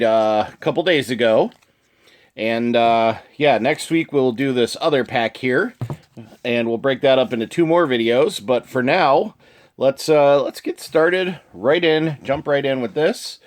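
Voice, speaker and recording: Hosting his own channel, a man reviews card game cards, casually reading their text aloud with short asides and chuckles. His pitch is medium and his pace measured.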